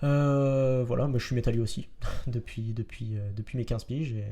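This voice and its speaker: A young man in his twenties with a Marseille accent hosts a relaxed podcast conversation. He talks in a halting way, circling back with fillers and restarts, and laughs easily. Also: medium pitch. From France. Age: 20s. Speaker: podcast host. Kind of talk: casual podcast chat. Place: room in Marseille.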